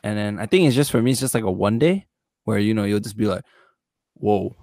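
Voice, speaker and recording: A man's voice: lowish voice, lively intonation, fast talker, a little mellow, dry recording, studio quality. A young man in casual group chat, talking in a laid-back, slangy way. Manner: laid-back, slangy, full of likes and mans.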